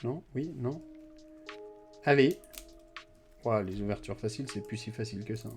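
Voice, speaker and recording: A man's voice: fairly low pitch, normal speed, over music. A man giving casual, chatty commentary as he opens card packs, often hesitating and trailing off. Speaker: card collector opening packs.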